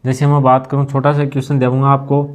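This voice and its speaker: In a monotone, medium-pitched voice, a man works through an exam-prep maths lesson for a recruitment exam. He questions the students at each step, checks again and again that they're following, repeats himself, and slows down to dictate terms.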